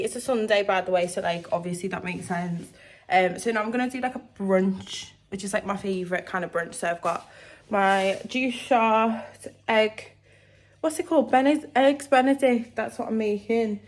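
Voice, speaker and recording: A young woman with a Liverpool accent, chatting casually at home as a vlogger, rambling with lots of "um" and "like". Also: medium pitch. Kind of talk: casual chat to camera.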